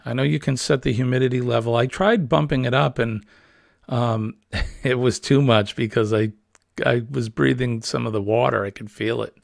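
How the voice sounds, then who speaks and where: A male livestream host with a husky, smoky, slightly gravelly medium-pitched voice reads out viewer comments at a normal pace. He's relaxed and rambling, with frequent ums and uhs. His built-in webcam mic gives a dry, close sound without echo.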